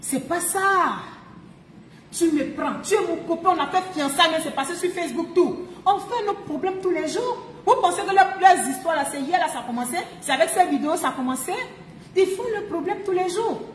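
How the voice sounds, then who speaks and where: A woman's voice: very high-pitched, brisk, a little hiss or hum. A woman streaming live, giving relationship advice emphatically, laughing often and repeating her key phrases. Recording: echoey room.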